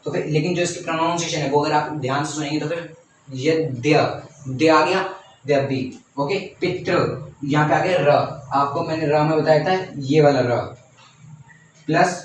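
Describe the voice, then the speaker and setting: A man's voice: on the high side, normal speed, a little hiss or hum. Man teaching from far off in an echoey room. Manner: step-by-step, repeats points, says "okay" often. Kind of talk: explaining a grammar lesson.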